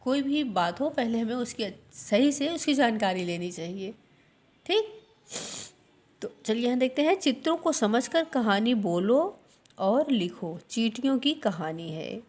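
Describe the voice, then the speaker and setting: A woman's voice: on the high side, darkish tone. A woman primary school teacher telling a story to young children. She repeats each line and asks quiz questions as she goes.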